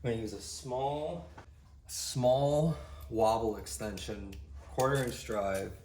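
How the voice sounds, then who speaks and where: A man giving a casual how-to walkthrough while working on a car engine, explaining each step in a plain, low-key way. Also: slow, a little mellow, slight background noise. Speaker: DIY car repair presenter.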